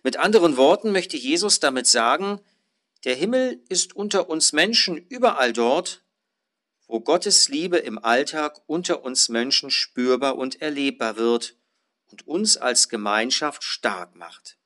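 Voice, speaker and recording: A male pastor giving an earnest, measured sermon, lifting his voice on emphatic phrases. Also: fairly high pitch, lively intonation, bright, forceful tone.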